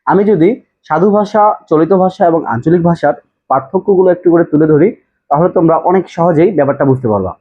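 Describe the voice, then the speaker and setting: A man's voice: a little high, lively intonation, a little fast, husky. A man from Bangladesh teaching a class, explaining terms step by step, repeating key words and checking that students follow. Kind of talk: classroom lecture. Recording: tinny phone-like audio.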